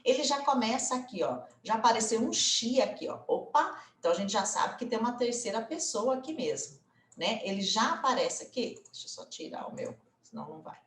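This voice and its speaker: A Brazilian woman teaching English grammar in a casual video lesson, chatty and full of little tag questions, slowing down to spell out example phrases. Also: fairly high pitch, animated, reverberant. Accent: Brazilian Portuguese.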